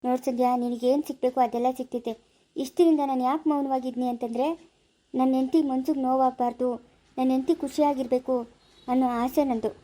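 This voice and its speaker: A woman's voice: sits high, quick pace. A performer playing a patient husband who soothes and reassures his wife in an amateur family drama skit. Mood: pleading. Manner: calm, coaxing and reassuring.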